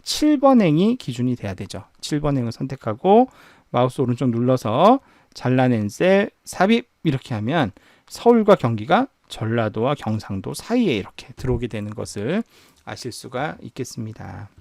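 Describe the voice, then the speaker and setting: A man's voice: medium pitch, sing-song, moderate pace, vocal fry, a little mellow, no room sound, studio quality. A man teaching an online university class, walking through each step on screen. He asks the students questions and then answers them himself. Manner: walks through screen steps. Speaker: university professor. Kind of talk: online lecture on spreadsheet software.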